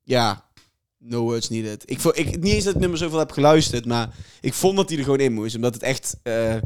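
Young man, casual chat, enthusiastic, smooth voice, mid pitch. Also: animated, fairly quick. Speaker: podcast co-host.

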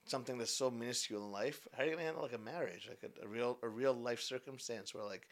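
A man in his twenties, a business founder appearing as a podcast guest, chats casually in a mid-range voice at a quick pace. He talks animatedly, repeats himself, and acts out what people say.

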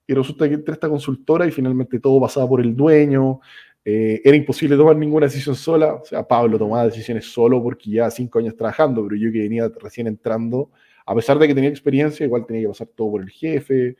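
A young Chilean man with a Chilean accent, a startup co-founder talking casually as a guest, halting and restarting his sentences often. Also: medium pitch. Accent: Chilean Spanish. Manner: relaxed, halting, many restarts and fillers. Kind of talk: casual conversational interview.

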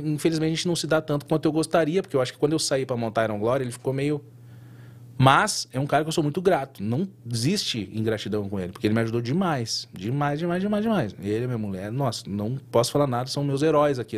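A man, a tattoo artist guest, telling a story in an interview in an animated, slangy way, with lots of fillers and restarts. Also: medium pitch, fast talker.

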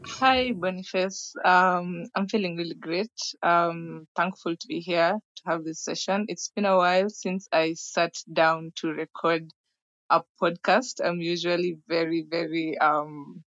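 Female guest from Kenya, slightly low voice, hesitant conversational phrasing, dull recording. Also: steady tone, a little slow, fairly bright tone, no room sound. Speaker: podcast guest. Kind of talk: conversational interview answers. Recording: dull, dry lo-fi connection.

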